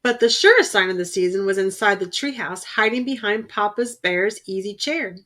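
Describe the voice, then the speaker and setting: A storybook reader, a woman, reads a children's picture book aloud in an expressive storytelling style, speaking at medium pitch and a moderate pace.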